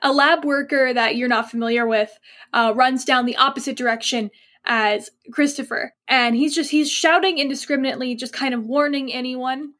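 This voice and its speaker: A woman's voice: high-pitched, fairly even intonation, moderate pace, fairly bright tone. A woman narrating a tabletop game as game master. She is chatty, searches for words and laughs easily.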